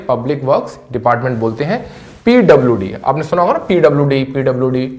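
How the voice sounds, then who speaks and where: A man's voice: fairly high pitch, darkish tone. Chatty man drilling vocabulary. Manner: repeats each word and asks the listener back. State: recently unwell. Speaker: English vocabulary teacher. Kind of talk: casual spoken lesson.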